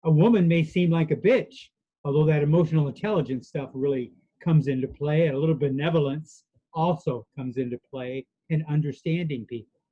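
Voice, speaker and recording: A man's voice: a little high, brisk, breathy edge, lo-fi sound. A man giving an earnest, emphatic, somewhat rambling impromptu speech at a club meeting. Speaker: meeting participant answering a table topic.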